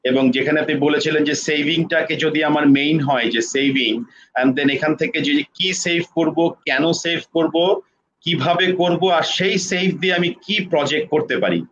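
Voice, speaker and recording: A man's voice: on the high side, a little fast, a bit bright. A man moderating a live online session, speaking politely and hesitantly, stopping to restart his sentences. His slightly raised voice reaches us through dull, lo-fi call audio with a faint hiss.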